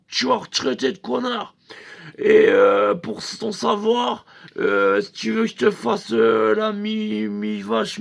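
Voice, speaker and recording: Gravelly man telling a crude comic story. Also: sits high. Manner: rambling, crude, full of fillers and slang insults. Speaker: comedian.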